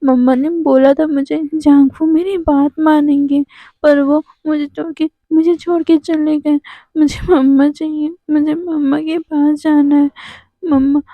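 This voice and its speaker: A woman's voice: high voice, steady tone, normal speed, hardly any pauses, no echo, phone-quality sound, natural voice. A woman voicing a small little boy who sobs and pleads for his mother. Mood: tearful.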